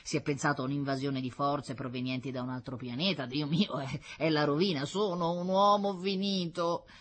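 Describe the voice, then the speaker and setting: A fretful, mysterious little old man from a storybook, put on by a woman reader. He talks slowly and mutters under his breath. The voice is husky. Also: very deep voice, fairly bright tone, exaggerated voice. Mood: dismayed. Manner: slow, murmuring, self-pitying.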